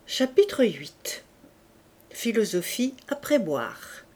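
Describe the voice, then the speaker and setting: A woman narrating a classic novel audiobook in a measured, expressive manner. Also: a little high.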